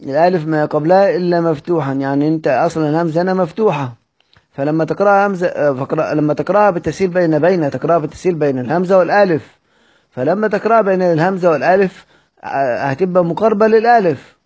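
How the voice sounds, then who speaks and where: A man with a fairly high, slightly mellow voice and an Egyptian accent teaches Quran recitation. He reads a classical text aloud, explains it in colloquial speech, keeps asking questions, and slowly spells out word examples.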